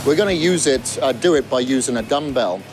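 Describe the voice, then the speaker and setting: A man's voice: medium pitch, lively intonation, brisk, music in the background. A man coaching beginners through a gym workout, talking while he demonstrates exercises and sometimes out of breath. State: out of breath at times. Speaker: fitness trainer.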